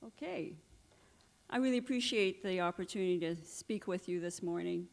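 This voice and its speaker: A woman's voice: fairly low pitch, normal speed, creaky. A middle-aged woman from Trinidad and Tobago sharing her personal testimony in church, telling her story earnestly with slides. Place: church hall.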